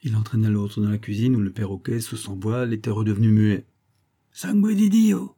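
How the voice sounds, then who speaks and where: Male audiobook reader, measured narration, mellow dark timbre, husky. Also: on the low side, level tone. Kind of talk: scripted narration.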